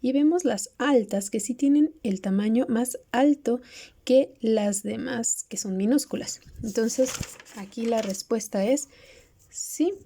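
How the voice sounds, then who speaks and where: Woman teacher, patient and explanatory, higher voice, warm tone. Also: slow. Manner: patient, explanatory, addresses pupils directly. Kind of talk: classroom lesson explaining writing rules.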